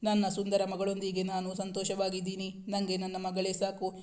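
A man voicing a tender young husband and new father in a storybook romance, in an even storytelling tone. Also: high-pitched, normal speed, lightly acted. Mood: fond.

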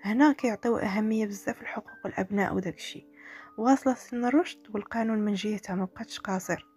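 A woman voicing a tired young man with a Moroccan accent who speaks softly, close to a whisper. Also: medium pitch, fast, slightly rough, soft background music, close to an everyday voice. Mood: calm.

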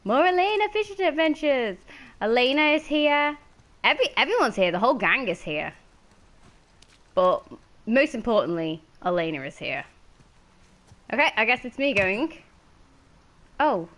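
Lively, chatty woman streamer. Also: a little high, normal speed, pauses often. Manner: chatty, greets chat by name, laughs easily. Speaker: game streamer. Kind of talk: casual chat while streaming a game.

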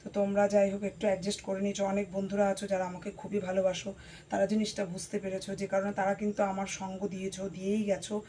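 A hoarse woman chatting casually to her viewers at home while cutting vegetables. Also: medium pitch, completely flat delivery, rapid-fire, dark tone, a little hiss or hum. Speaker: vlogger. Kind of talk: casual vlog chat to viewers.

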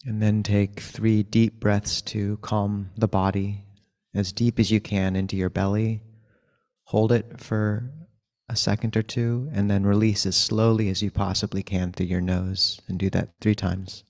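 Speaking in a fairly low voice with little pitch movement, a man teaching meditation guides listeners through gentle, slow instructions. He leaves long pauses between them.

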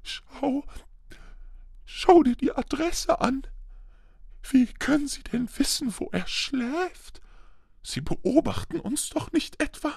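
A man voicing a shrill, fearful middle-aged aunt with a trembling, frantic manner, in an audiobook. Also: animated, slow, vocal fry, long pauses, darkish tone, no echo, clean studio sound, heavily acted. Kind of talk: audiobook character voice.

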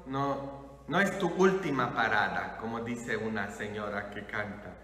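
A man from Poland with a Polish accent, preaching a sermon as a priest in a lively, jokey way. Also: fairly low pitch, unhurried. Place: church. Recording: echoey church hall.

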